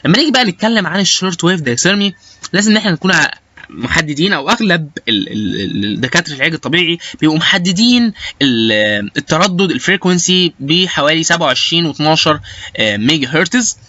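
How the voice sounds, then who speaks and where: With an Egyptian Arabic accent and English technical terms mixed in, a man gives an informal lecture, halting often with hesitation sounds and repeated restarts. His voice is on the high side, animated, pushed and bright, and the recording is muffled with no room sound.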